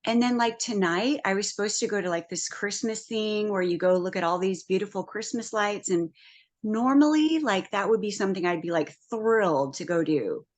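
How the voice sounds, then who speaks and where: A woman sharing reflectively in a peer support call, speaking softly with many fillers over a phone. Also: medium pitch, moderate pace. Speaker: peer support group member. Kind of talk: casual spiritual sharing on a video call. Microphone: phone on a video call.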